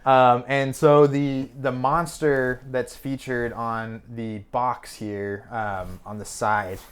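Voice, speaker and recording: Relaxed, rambling young male podcast host. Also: mid-range voice, slow. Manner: relaxed, rambling with fillers and restarts. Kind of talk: casual chat.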